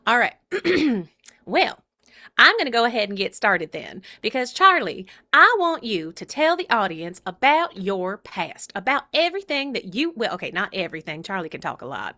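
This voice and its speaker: A woman's voice: a little high, sharp tone. A woman voicing a chatty female hand puppet who plays host, with a Virginia accent and a bossy, teasing manner.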